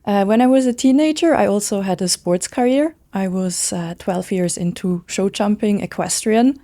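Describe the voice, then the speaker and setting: A woman in her thirties from Switzerland, chatting in an interview as a founder, eager and quick with lots of casual fillers. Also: mid-range voice, dark tone. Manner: fast, enthusiastic, many "like" fillers. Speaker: guest, brand founder.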